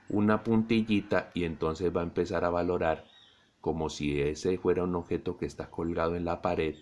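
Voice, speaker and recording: Colombian guy teaching physics, very low voice, slow and careful, talks straight to the students. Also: darkish tone. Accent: Colombian Spanish. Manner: slow, deliberate explaining, addresses students directly. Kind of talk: recorded classroom lesson.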